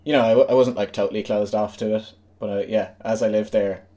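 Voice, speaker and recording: Casting: man, late 20s, west of Ireland accent, low voice, casual and informal interviewee. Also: fairly even intonation, fast talker, mellow. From Galway, west of Ireland. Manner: informal, often laughing. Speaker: guest, musician and DJ.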